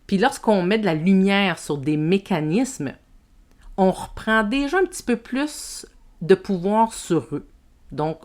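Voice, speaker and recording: A woman with a Québécois French accent hosting a self-help podcast, speaking to the listener in a gentle, reflective way. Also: mid-range voice. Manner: slow, gentle, addresses the listener as tu. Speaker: podcast host and women's coach.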